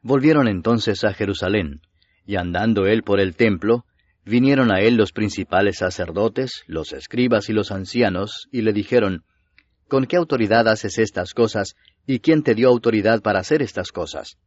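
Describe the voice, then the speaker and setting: Low-voiced man reading scripture. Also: no echo. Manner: steady, measured reading. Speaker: Bible reader. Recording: dull, dry lo-fi voice recording.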